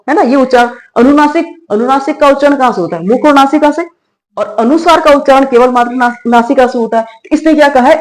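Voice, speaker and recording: Recorded roughly, this middle-aged woman speaks in a slightly high voice with a darkish tone. Her grammar lecture moves step by step, with questions she raises and then answers herself. She checks in often with "theek hai" ("all right").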